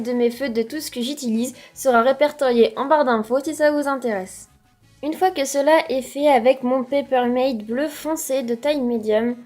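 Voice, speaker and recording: High-voiced woman talking through a drawing. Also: darkish tone. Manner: chatty, explains each step. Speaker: drawing tutorial host. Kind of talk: friendly how-to narration.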